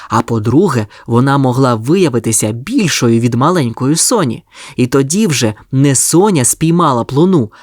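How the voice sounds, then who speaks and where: A storyteller reading a children's audio tale with a lively, expressive voice that swings widely up and down. Mid pitch. Dry, close recording with no room sound. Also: no room sound.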